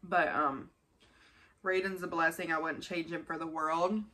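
A woman's voice: low-pitched, steady tone, measured pace, bright, forceful tone. A woman of twenty-five talking casually to the camera in a rambling, informal way, often repeating herself. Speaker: vlogger filming a mukbang. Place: small bedroom, indoors. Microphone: camera a short distance in front of her.

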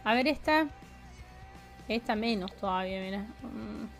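A woman's voice: a little high, animated, measured pace, creaky, soft background music. A woman in her forties with a Córdoba Argentine accent, chatting playfully with her viewers while she plays a game, humming sing-song fillers. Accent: Córdoba Argentine Spanish. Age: 40s. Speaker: streamer. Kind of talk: casual live-stream chat while playing.

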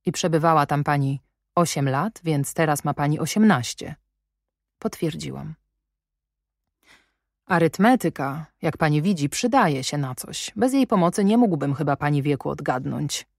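A woman reading an audiobook, voicing a stern and commanding gentleman who speaks in a probing, sardonic way. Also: low-pitched, expressive, normal speed, vocal fry, no echo, studio quality, exaggerated voice.

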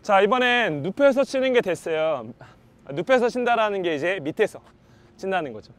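A man's voice: high-pitched, lively intonation, moderate pace. A man teaching badminton defense, explaining and counting his strokes aloud while he hits against a wall. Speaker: badminton coach. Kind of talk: instructional demo while practicing.

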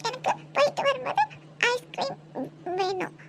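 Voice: very high voice, creaky, heavy background noise. A woman voicing a clingy, stubborn little girl in a cartoon, whining and pleading. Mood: whiny. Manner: whiny, pleading, drawn-out. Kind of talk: cartoon voice acting.

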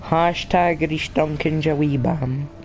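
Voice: mid-range voice, fairly even intonation, slow, a little mellow, soft background music, poor audio. A streamer with a Scottish accent, bantering casually over a game with cheeky, slangy teasing. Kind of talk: casual banter while gaming on a livestream.

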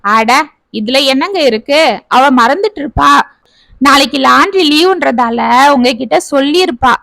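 A woman voicing a caring older grandmother who calmly reasons with her husband. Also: high-pitched, normal speed, vocal fry, dry recording, heavily acted. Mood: gentle. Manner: soothing, reasoning gently.

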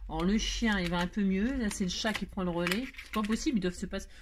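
A woman's voice: mid-range voice, fast talker. French woman, craft tutorial host, mumbling to herself, faint background noise. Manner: muttering, self-talking, exasperated asides and little laughs. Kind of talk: chatty hands-on crafting tutorial.

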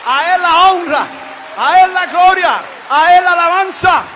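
A man preaching an altar call, pleading with listeners and then praising loudly. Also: very high-pitched, measured pace, slight background noise. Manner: pleading, then exultant and shouting. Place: large church hall. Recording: reverberant hall with music and congregation.

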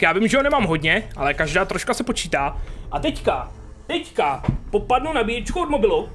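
Lively high-voiced man joking through a game. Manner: chatty, joking, swears at enemies. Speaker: gaming youtuber. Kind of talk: casual let's play commentary.

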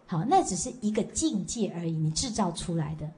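Her voice sits fairly low, warm in tone, with lively intonation. This woman is a Buddhist teacher delivering a dharma talk to a class, weaving in stories and dropping frequent "好" and "哦" tags at the ends of sentences, then finishing as a slow, measured chanting leader.

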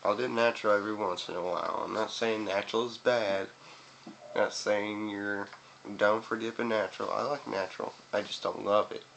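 A man's voice: lowish voice, fairly even intonation, moderate pace, creaky, fairly bright tone. A young man chatting casually to camera, rambling and swearing, with chewing tobacco in his mouth. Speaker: video reviewer. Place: small room indoors by a window. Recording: noisy webcam-style room recording.

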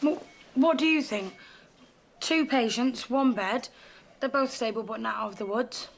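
A woman's voice: fairly high pitch, a little slow, vocal fry, rough recording. A woman playing a wry, outspoken but compassionate staff nurse in a medical drama, frank in manner. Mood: frank, challenging. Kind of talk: filmed medical drama acting.

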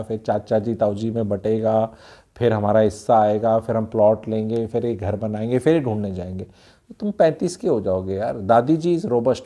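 A man from Haryana gives frank, casual advice to young people, slipping English into his speech. His voice is mellow and relaxed. He drives his points home with rhetorical questions. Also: medium pitch. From Haryana, India. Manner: blunt, mixes Hindi with English, rhetorical questions. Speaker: youth advice speaker.

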